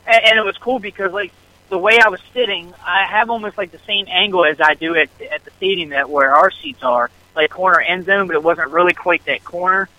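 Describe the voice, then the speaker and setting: A man excitedly telling a rambling story about a football game, co-hosting a casual sports chat. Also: high voice, fairly quick, dull audio. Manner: animated storyteller, rambling with restarts. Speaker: podcast co-host.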